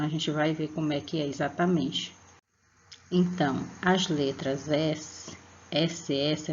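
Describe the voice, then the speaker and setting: Gravelly Brazilian teacher giving an online lesson. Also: medium pitch, slight background noise. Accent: Brazilian Portuguese. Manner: patient, checks in with "tá?" after each point; spells out example words slowly. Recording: dull lo-fi recording.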